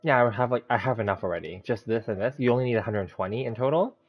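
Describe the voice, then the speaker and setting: In a mid-range, slightly breathy voice, a man talks quickly while hosting a casual gameplay livestream, rambling through each move in self-narration. His slight lisp suggests a freshly bitten tongue, and the lo-fi audio sounds dull with music underneath.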